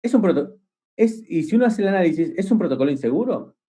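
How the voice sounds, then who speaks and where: A man's voice: sits high, lively intonation, fast, mellow, slightly rough. A man giving a technical cybersecurity conference talk, enthusiastic and rambling, with frequent restarts and fillers and homely examples. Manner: enthusiastic, explains with vivid everyday examples.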